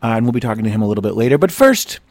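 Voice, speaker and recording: A man's voice: on the low side, big pitch swings, rapid-fire, darkish tone, no echo. A man hosting a comedy podcast from a studio, campy, brash and playful in casual chat. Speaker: podcast host. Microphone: studio mic.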